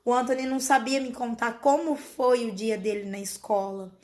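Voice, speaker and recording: A woman's voice: on the high side, steady tone, normal speed, a little mellow. A woman, a mother telling her child's story to viewers in an earnest, explanatory vlog.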